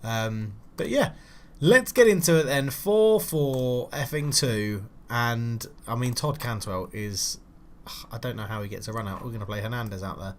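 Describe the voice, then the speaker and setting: A young man giving casual, frustrated commentary while playing a football management game, swearing and shouting at his players. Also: on the low side, lively intonation, normal speed. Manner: frustrated, swears, loud outbursts at his team. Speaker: gaming channel host.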